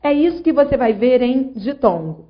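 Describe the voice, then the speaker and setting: Her voice sits high and sounds animated as she moves at a moderate pace through an online grammar lesson, explaining rules and addressing the student directly with check-ins. The highs are cut off in the audio.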